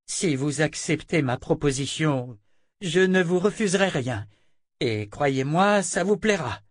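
A man's voice: fairly high pitch, lively intonation, unhurried, no echo, studio quality, voice pushed up. A man reading an audiobook and voicing a young woman captive who coaxes and persuades while hiding her fear. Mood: coaxing.

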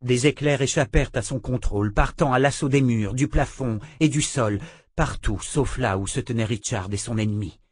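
A man narrating a fantasy audiobook in a measured, dramatic reading. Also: mid-range voice, slightly rough, dry recording.

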